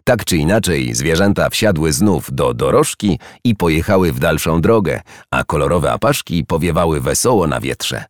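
A man narrating a children's story with expressive storytelling. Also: extremely low pitch, normal speed, few pauses, dry recording, studio quality.

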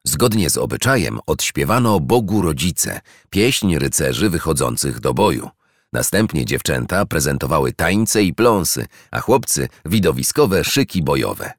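Very deep-voiced male storyteller. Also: very animated, unhurried, dry recording, studio quality. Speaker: narrator. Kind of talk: children's storybook narration.

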